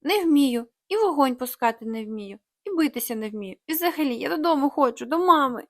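A woman's voice: sits high, animated, brisk, a bit bright, no room sound, clean studio sound. A woman voicing a naive little boy dragon, childish and plaintive.

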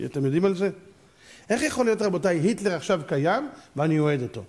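Animated high-voiced male rabbi preaching. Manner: animated, rhetorical questions, sharp pitch swings. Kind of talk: sermon.

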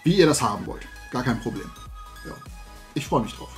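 The host of a toy and comics show, a middle-aged man, chats to the camera in a casual, meandering way from a room lined with collectibles. His medium-pitched voice is animated and fairly quick, over soft background music.

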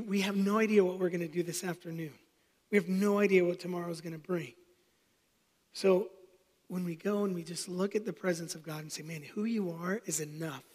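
High-voiced man telling a sermon story. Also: a little mellow, husky, big-room sound. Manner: storytelling, self-deprecating humor. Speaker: pastor. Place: church sanctuary.

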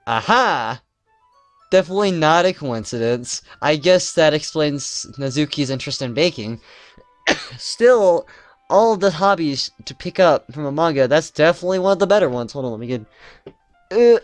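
A man's voice: on the high side, animated, moderate pace, dry recording, soft background music. A man giving casual, joking commentary while playing a visual novel, often stumbling and restarting his words.

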